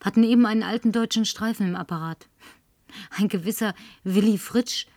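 A woman dubs a German film in a brisk, slightly mellow mid-range voice, lightly acting a lonely, tipsy, flirtatious advertising agency woman. Her breathy, whispery delivery has a confiding mood, coaxing but sometimes demanding, with no echo.

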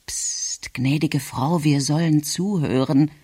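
A man reading aloud and voicing a discreet butler who speaks softly and deferentially. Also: fairly high pitch, a little slow, husky. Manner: hushed, deferential. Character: discreet old male butler, hushed and polite.

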